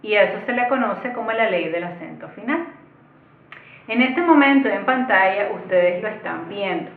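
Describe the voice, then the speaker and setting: A woman's voice: medium pitch, expressive, normal speed. A woman teaches an online lesson in a patient, explanatory way and speaks directly to her viewers. Her voice comes through thin and tinny, like over a phone line. Behind it is the echo of a bare room.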